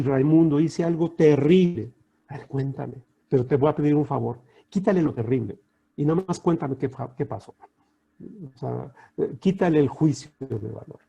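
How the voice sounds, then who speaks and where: Man, Mexican accent, middle-aged, coach, calm reflective talk, husky voice, dull webinar audio. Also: fairly high pitch. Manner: calm, reflective, poses rhetorical questions.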